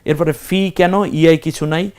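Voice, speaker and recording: A man's voice: fairly high pitch, steady tone, moderate pace, darkish tone, smooth. A man teaching Quran reading, asking questions and answering them himself while spelling out letters one at a time. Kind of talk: step-by-step recitation lesson.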